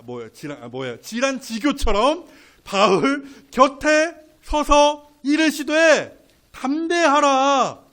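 A male pastor preaching a sermon, swinging between soft, casual asides and loud, drawn-out emphatic lines. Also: sits high. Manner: colloquial, playful asides.

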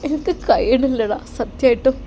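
A woman voicing a tender, grieving middle-aged mother, speaking softly and affectionately. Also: high voice, normal speed, a little hiss or hum, natural voice. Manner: soft, affectionate, pleading.

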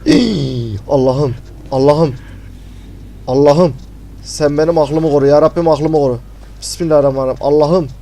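A man commentating a horror game, panicky and swearing, muttering prayers and often dropping to a hushed voice. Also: on the high side, normal speed, pauses often, slight background noise, low-quality recording. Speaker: gamer.

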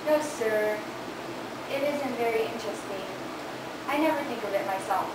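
High-voiced deferential butler acted by a young woman. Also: normal speed, recorded from a distance, lightly acted. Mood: deferential, dry. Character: deferential, dry male butler. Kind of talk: amateur stage-play acting for a student project. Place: large living room, indoors. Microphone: camera several metres away. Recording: very noisy, echoey room from afar.

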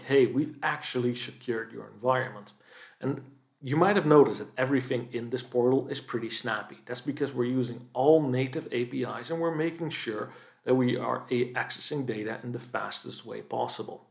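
A young man presenting a product demo of his own software tool, explaining features with enthusiasm, some fillers and self-corrections. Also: medium pitch, creaky, echoey room. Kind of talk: screen-share product demo.

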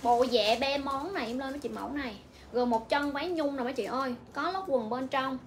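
A young woman with a Vietnamese accent pitches clothes live from a shop, her voice high and bright. She repeats each price again and again in a brisk selling patter. Clear background noise from the shop runs under her. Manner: repetitive, rapid-fire price calling. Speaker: livestream clothing seller. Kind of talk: livestream sales pitch.

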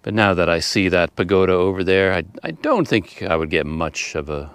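Middle-aged male travel vlogger, low register, casual and unscripted, thinking out loud in the open air. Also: lively intonation, normal speed, clean tone, no room sound. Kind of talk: casual unscripted vlog commentary. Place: outdoors on open countryside paths and roads.

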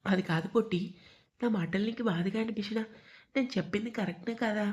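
A woman's voice: mid-range voice, a little fast, close to an everyday voice. Woman reading a bossy, caring young man. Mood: coaxing. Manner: coaxing, teasing, gently commanding.

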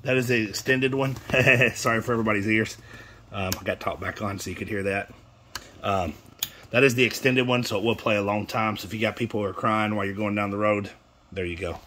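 Holding his phone near the radio, a man selling used radio equipment gives a casual, wandering, no-nonsense demonstration in a small room. His voice is fairly low and quick, steady yet bright and forceful, with background noise plainly heard on the handheld recording.

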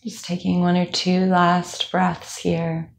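A young woman instructor leading a calm guided body scan meditation, speaking slowly with soft fillers. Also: on the low side, gravelly. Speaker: movement instructor.

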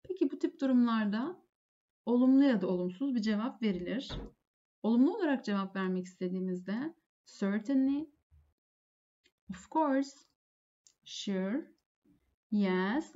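Woman, English teacher, lesson on phone phrases, mellow tone, dull lo-fi sound. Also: fairly high pitch, lively intonation. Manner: reads English phrases slowly, then translates each.

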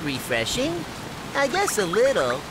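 A woman's voice: medium pitch, huge pitch swings, measured pace, background noise. A woman voicing a sulky, melodramatic boy diesel locomotive in a children's cartoon, with music behind. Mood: grumbling. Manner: pouty, melodramatic. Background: loud music.

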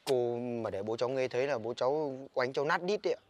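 A man's voice: mid-range voice, quick pace, close to an everyday voice. A man with a Northern Vietnamese accent playing an exasperated older brother who scolds his little sister in a village comedy sketch. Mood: pleading. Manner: scolding, exasperated, loud complaining.

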